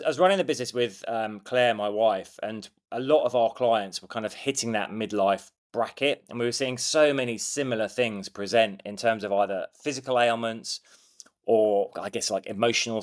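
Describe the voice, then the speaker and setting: A man's voice: lowish voice, moderate pace. A middle-aged man, a coach, talks as a podcast guest, telling his story in an informal, explanatory way. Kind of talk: casual interview storytelling.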